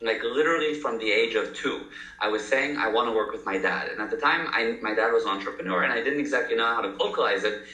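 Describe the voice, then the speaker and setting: Talking fast in a sharp, mid-range voice, an entrepreneur in his thirties chats casually as an interview guest. His accent mixes South African and American, and he recounts his story with upbeat energy. The room has an echo.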